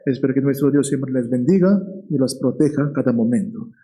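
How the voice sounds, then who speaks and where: A man preaching a sermon in a lively way. He often checks in with the listeners and slows down to stress key words. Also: mid-range voice, rough recording.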